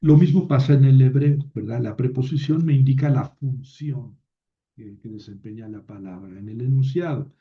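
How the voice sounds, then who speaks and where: A man teaching a grammar lecture slowly and step by step, often pausing on "eh" and checking in with "¿verdad?". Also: mid-range voice. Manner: slow and explanatory, with frequent "eh" and "¿verdad?". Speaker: Biblical Hebrew teacher. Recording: dull lo-fi recording.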